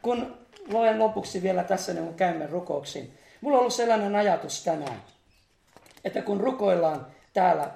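A man's voice: sits high, gravelly, a little mellow, echoey room. A man preaching a charismatic sermon, fervent, breaking into hallelujahs and laughter. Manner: fervent, exclaims hallelujah, laughs between phrases. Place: church meeting hall.

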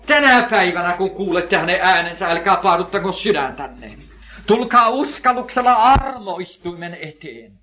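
A man's voice: high voice, sharp tone. An older man preaching a sermon, emphatic, asking questions and answering them himself, repeating key phrases.

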